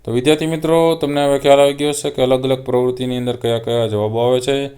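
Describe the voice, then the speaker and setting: A young man works through homework answers as a teacher, patient and methodical. His voice is smooth and clear, and it stays quite level throughout. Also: mid-range voice, quick pace. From Gujarat. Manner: steady, patient, reads items aloud one by one.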